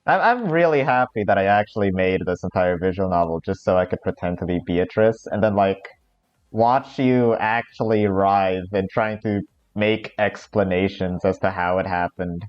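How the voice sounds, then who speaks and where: A man's voice: deep voice, normal speed, lo-fi sound. A man chatting casually and with amusement, swearing now and then, as he runs a game with a friend. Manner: amused, profane. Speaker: fan visual novel creator playing along. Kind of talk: casual joking chat during a game.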